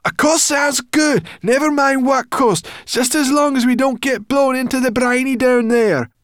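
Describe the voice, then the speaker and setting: A man voicing a cheeky, sharp-tongued female forest brownie in an audiobook, blunt and breezy. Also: lowish voice, normal speed, vocal fry, no room sound, studio quality, voice pushed up. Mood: shouting.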